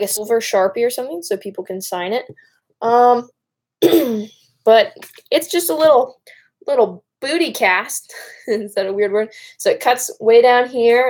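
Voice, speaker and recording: A young woman with a Great Lakes Michigan accent chats casually on a live stream in an informal, rambling way. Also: fairly high pitch. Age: young adult. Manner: rambling, informal, breaks off and addresses viewers.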